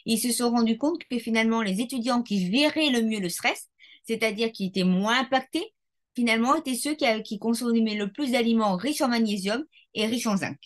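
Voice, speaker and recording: A woman's voice: fairly high pitch, fairly quick. A woman, a neuroscientist guest on a podcast, explaining science in a methodical, teacherly way with frequent hesitations. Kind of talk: explanatory interview talk.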